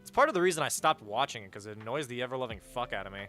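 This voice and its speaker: Male streamer, lively pitch, bright tone, crude joking chat, headset mic, faint music behind. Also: rapid-fire. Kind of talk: casual live-stream chat while gaming.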